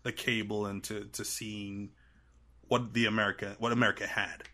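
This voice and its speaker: A podcast guest from Trinidad and Tobago, a man in his thirties, has a fairly low, bright voice with a level tone and normal speed. He speaks in a casual interview style, feeling his way through sentences and often restarting them.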